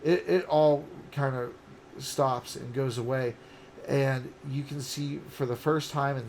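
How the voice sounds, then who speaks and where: A man in his late thirties narrating as dungeon master, halting with fillers and restarts. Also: medium pitch, fairly even intonation, darkish tone, slight background noise. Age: late 30s. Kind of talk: narrating a tabletop game.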